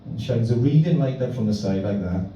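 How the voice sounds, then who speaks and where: A man's voice: mid-range voice, expressive, brisk. A man with a South Wales Valleys accent telling stand-up anecdotes in a matey, sweary, self-deprecating way. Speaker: stand-up comedian. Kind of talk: live stand-up comedy, anecdotal storytelling. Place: indoor live comedy venue. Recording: echoey venue, distant muffled mic, faint noise.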